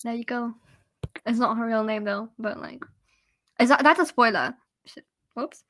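A woman's voice: a little high, moderate pace, fairly bright tone. A young British woman co-hosting a podcast, playful and teasing, laughing often. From Britain. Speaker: podcast co-host. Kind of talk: casual chat.

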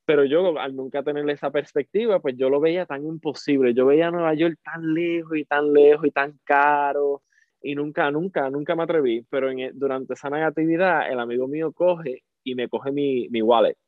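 Puerto Rican man, higher voice, lively casual storyteller; dry, tinny phone-like audio. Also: normal speed, no echo. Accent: Puerto Rican Spanish. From Puerto Rico. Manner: animated, repeats words for emphasis. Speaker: podcast guest. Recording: dry, phone-like narrow sound.

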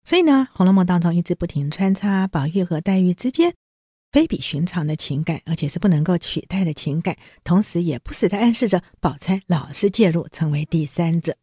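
Female lecturer, storytelling style with chatty asides; animated, slightly husky and low. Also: fairly quick, no echo, clean studio sound. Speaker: lecturer on a classic novel.

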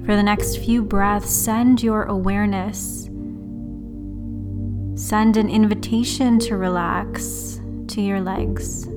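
A woman leading a guided relaxation meditation in a soothing, unhurried sleep-story manner, leaving long pauses. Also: mid-range voice, steady tone. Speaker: yoga and meditation teacher, host. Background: background music.

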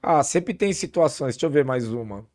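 A man's voice: mid-range voice, normal speed. A man telling stories in a casual podcast chat, full of slang and restarts. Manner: relaxed storytelling, heavy slang, frequent restarts. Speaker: podcast guest.

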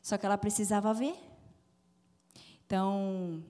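A woman's voice: medium pitch, fairly even intonation, a little slow, mellow. A middle-aged woman from Brazil, speaking as a guest at a women's church event, telling a personal story and acting out the dialogue. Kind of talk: storytelling sermon talk.

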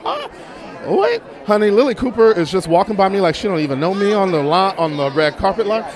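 A man's voice: sits high, very animated, brisk, darkish tone. An American man in his fifties hosting with gushing red carpet chatter, effusive, sassy and full of familiar endearments. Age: 50s. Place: outdoor red carpet event. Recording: busy outdoor crowd and street noise. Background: crowd chatter, urban noise.

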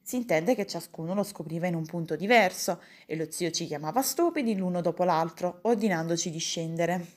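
Female audiobook narrator, even storytelling delivery, comic novel. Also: on the low side, a little fast, hardly any pauses. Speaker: audiobook reader.

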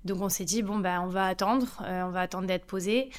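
A woman in her thirties, a podcast guest telling her own story in a chatty, lively way with frequent hesitations. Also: medium pitch, brisk, smooth. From France. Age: 30s. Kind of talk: casual interview storytelling.

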